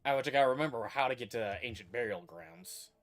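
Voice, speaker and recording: A man's voice: mid-range voice, expressive, fast, soft background music. Man streaming a game, thinking aloud. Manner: thinks aloud, meandering, with trailing restarts. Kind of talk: casual livestream commentary.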